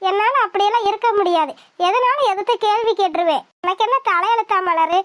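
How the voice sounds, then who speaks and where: A woman voices a bold, lively young village girl for a cartoon, speaking up plainly and without fear. Her voice sits very high. The sound is dry and close. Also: fast, no echo. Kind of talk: cartoon voice acting.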